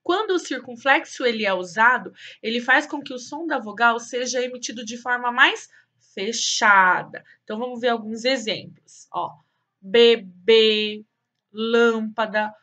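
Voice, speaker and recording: A woman with a Brazilian Portuguese accent, teaching a cheerful remote class and saying example words slowly and loudly. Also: a little high. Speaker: schoolteacher.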